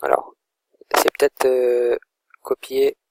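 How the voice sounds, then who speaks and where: A man in an informal, think-aloud software tutorial, talking his viewers through each click as he goes. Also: mid-range voice, very animated, slow pace, vocal fry, slight background noise. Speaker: online course instructor. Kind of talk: screen-recorded software tutorial.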